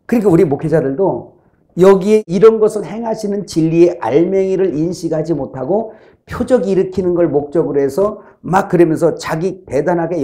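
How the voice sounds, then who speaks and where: Korean pastor preaching with mellow animated voice. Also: male voice, fairly high pitch. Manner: animated storytelling, acting out voices and laughing. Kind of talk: sermon.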